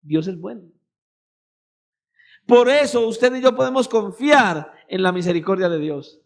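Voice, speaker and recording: A man's voice: very high-pitched, lively intonation, normal speed. A man with a Colombian accent preaching a sermon in a church hall, emphatic, with rhetorical questions and repeated phrases. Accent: Colombian Spanish. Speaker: pastor.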